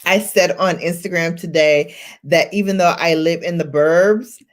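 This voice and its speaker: The host of this relaxed livestream is a woman from Brooklyn, New York, whose voice sits on the low side, fairly even in intonation and unhurried. Speaking with a Brooklyn accent, she chats and laughs freely and greets viewers by name over faint background music.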